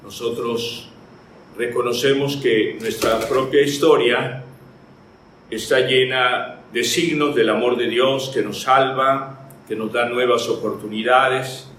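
Echoey, slow-speaking male preacher. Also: mid-range voice, fairly even intonation, fairly bright tone. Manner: reflective, deliberate phrasing. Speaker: priest giving a homily. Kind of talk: sermon. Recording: echoey church sound, faint noise.

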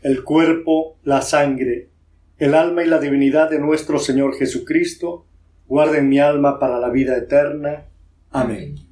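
Higher-pitched man reciting a devotional prayer. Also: fairly even intonation, a little slow, darkish tone.

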